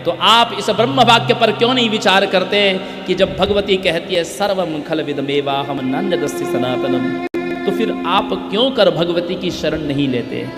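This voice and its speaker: Male preacher, high voice, emphatic rhetorical questions, long hall reverb, instruments playing behind. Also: moderate pace, few pauses. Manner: emphatic, rhetorical questions, chants Sanskrit verses. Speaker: katha preacher. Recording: echoey hall with music behind. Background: musical instruments.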